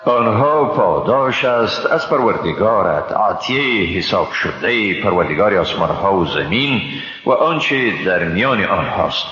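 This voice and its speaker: Reading a translation of scripture with solemnity, this man speaks with an Afghan Dari accent in a lowish, animated, sharp-toned voice. Long reverb makes it echoey, and the sound is dull and noisy.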